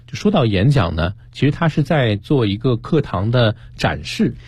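A man's voice: mid-range voice, normal speed, breathy edge, no echo. A man hosting a radio English-learning show, chatting with a guest teacher and affirming her points. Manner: lively, affirming interjections. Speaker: radio host. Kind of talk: radio English lesson chat. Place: radio studio. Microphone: studio microphone.

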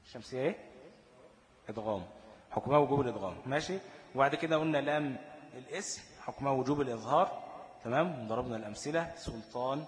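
A man with an Egyptian accent teaching Quran recitation rules. He quizzes his students, answers his own questions, and slows down to chant the quoted verses and poem. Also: medium pitch. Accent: Egyptian Arabic. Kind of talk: tajweed lesson. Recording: echoey room with long reverb.

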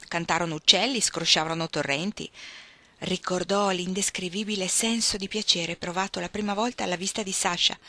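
A woman reading a novel aloud in a measured, expressive way, like an audiobook. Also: on the low side, dry recording. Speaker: reader.

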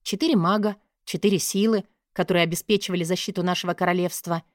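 A woman reading first-person fantasy narration in an even, measured way. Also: on the low side, no room sound, clean studio sound. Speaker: audiobook narrator.

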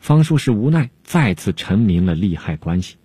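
Lively, husky male storyteller. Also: fairly low pitch, normal speed, dry recording. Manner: animated, expressive narration. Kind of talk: traditional storytelling.

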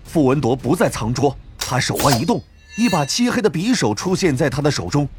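A man narrating a novel audiobook in a dramatic, expressive storytelling manner. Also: on the high side, fairly quick, over music.

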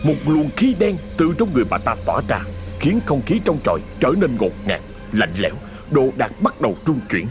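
A man narrating a horror story in a dramatic, expressive scripted reading. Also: medium pitch, a little fast, music in the background.

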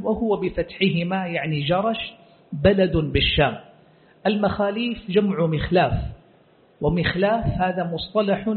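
Man lecturing on a tinny recording. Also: high voice. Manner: measured, explanatory, quotes sources then comments. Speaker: Islamic scholar teaching a text. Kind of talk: classroom lecture explaining a hadith text.

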